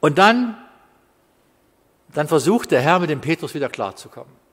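A man in his fifties preaching a sermon in a conversational way, with quiet asides and loud bursts of emphasis. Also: a little high, very animated, moderate pace, breathy edge. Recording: hall with long reverb.

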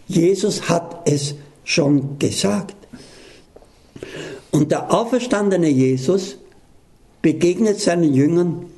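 A male preacher reads scripture verses aloud and explains them between readings. His voice is dark and mellow with a gravelly edge, a little higher than most men's. He takes the text slowly and deliberately.

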